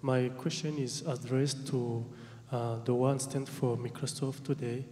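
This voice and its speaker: A man's voice: mid-range voice, flat delivery, a little slow, dark tone. A young man from Burundi asking a formal question as a student, hesitant and searching for words. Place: large conference hall. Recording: very echoey hall, long reverb.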